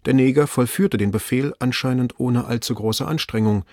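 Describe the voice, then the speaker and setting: A man narrating a story aloud in an expressive reading style. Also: medium pitch, moderate pace, no room sound, clean studio sound. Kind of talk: audiobook reading.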